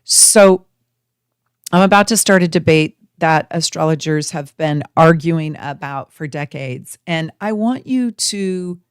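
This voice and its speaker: A woman astrology host teaching her viewers, talking them through ideas with drawn-out emphasis and rhetorical questions. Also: sits low, clear, resonant tone, no echo, clean studio sound.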